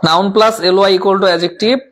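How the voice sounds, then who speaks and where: A man's voice: sits high, drawn-out words, fairly bright tone, a little hiss or hum. A man teaching a live online class, repeating terms, asking and answering his own questions, and mixing English words into his talk. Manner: reads out viewer comments.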